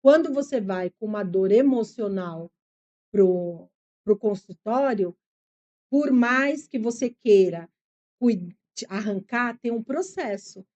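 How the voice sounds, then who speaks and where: In a muffled recording, a middle-aged woman with a mid-range, mellow voice talks slowly and expressively. She's a psychologist on a podcast, her accent from São Paulo, Brazil, and she recounts personal experiences earnestly and reflectively, explaining patiently.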